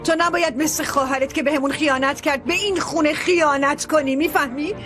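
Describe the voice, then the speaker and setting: A woman's voice: sits high, steady tone, a bit bright, soft background music. A middle-aged woman dubbing a controlling, scheming mother in a TV drama, commanding and sarcastic. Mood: scolding. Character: domineering scheming wealthy mother, sharp-tongued landowner. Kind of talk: dubbed TV drama.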